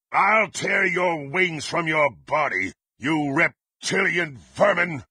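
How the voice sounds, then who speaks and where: A man's voice: medium pitch, bright, forceful tone, husky, dry recording, clean studio sound, exaggerated voice. An actor playing a murderous male blackguard warrior who hurls contemptuous threats, in video game voice acting.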